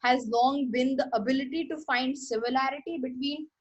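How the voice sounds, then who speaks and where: Young Indian-accented woman, high pitch, loose rambling livestream host who self-corrects. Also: steady tone, normal speed. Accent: Indian English. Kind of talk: casual livestream talk on art history.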